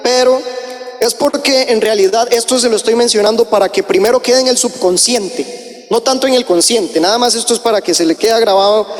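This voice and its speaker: A male preacher with a high voice leads a teaching sermon, talking fast and conversationally as he speaks right to his congregation. His voice rings out with a long reverb in a church hall. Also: faint music behind. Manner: quick, conversational, addresses the audience directly. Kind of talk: sermon teaching with Bible reading.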